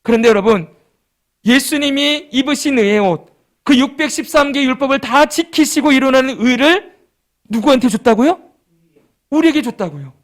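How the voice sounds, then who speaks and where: High-voiced man preaching emphatically. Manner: emphatic preaching with rhetorical questions and call-and-response. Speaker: pastor. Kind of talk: sermon.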